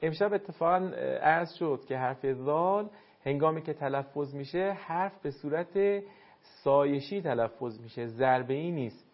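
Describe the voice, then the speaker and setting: Male recitation teacher, formal and polite, slightly raised voice, dull lo-fi broadcast sound. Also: fairly high pitch. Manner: formal, courteous and instructive. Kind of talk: on-air recitation feedback.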